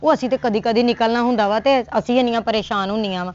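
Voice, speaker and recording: Punjabi woman, high pitch, sharp scolding wife in a comedy skit. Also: steady tone, fast, highs cut off. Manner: scolding, sharp-tongued, nagging. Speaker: comic actor as a scolding wife. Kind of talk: Punjabi comedy sketch acting.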